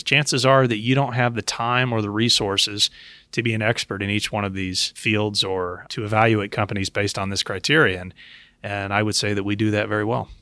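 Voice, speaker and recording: A man who is both a podcast host and an investment professional speaks in a smooth, sharp, low-leaning voice with no echo. He explains investment advice, addressing his listeners and co-host directly.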